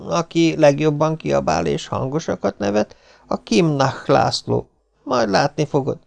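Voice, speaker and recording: Guy reading as a weird bragging little schoolboy, higher voice, bit gravelly. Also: darkish tone. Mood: boastful. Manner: eager, confiding, secretive. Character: boastful odd little schoolboy.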